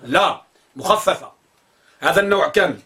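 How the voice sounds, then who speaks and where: A man giving a grammar lesson, explaining how a word is pronounced, repeating it slowly and putting questions to his students. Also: a little high, expressive, sharp tone. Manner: explanatory, repeats words slowly to spell out vowels, asks the class questions. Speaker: grammar teacher. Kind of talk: classroom lecture on pronunciation.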